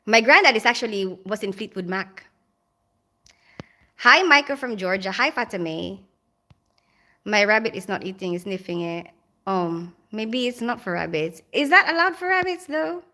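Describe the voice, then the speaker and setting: A woman's voice: medium pitch, animated, normal speed, pushed and bright. A woman with a Filipino accent who grew up in the Philippines, chatting casually on a live stream, reading viewer comments aloud and laughing often.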